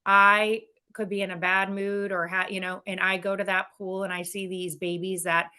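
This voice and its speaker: Upbeat woman chatting as a guest, bright clear tone, laughs a lot, candid. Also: medium pitch, normal speed. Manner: energetic and candid, laughs often, many restarts. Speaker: guest, business executive. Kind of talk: casual interview conversation.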